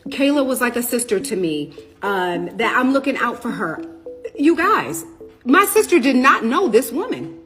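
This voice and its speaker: A woman talks straight to her viewers as she finishes her makeup. She sounds urgent and keeps asking pointed questions, and her voice sits a little high. Soft music plays faintly behind her. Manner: urgent, questioning, addresses viewers as "you guys". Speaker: storytime TikTok creator. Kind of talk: direct-to-camera storytime vlog.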